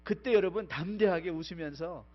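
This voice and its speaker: A middle-aged male pastor from Korea preaching a sermon, swinging between loud urgent exhortation and quiet confessional stories, with short English phrases mixed in. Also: high-pitched, brisk, dull audio. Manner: mixes short English phrases into his speech. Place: church sanctuary.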